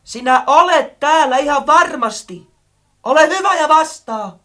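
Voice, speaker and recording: Performer doing an eager, easily spooked storybook sidekick, voice leaping up and down, calls out loudly. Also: mid-range voice. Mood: shouting. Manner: lively, expressive, calls out loudly. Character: eager, clumsy, easily frightened companion. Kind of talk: audiobook character acting.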